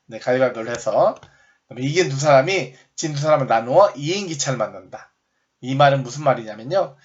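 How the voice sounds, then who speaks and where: A recreation instructor in a recorded lecture teaches games step by step, often rephrasing himself and shouting out sample game calls. His mid-range voice is animated and quick, and the audio sounds dull.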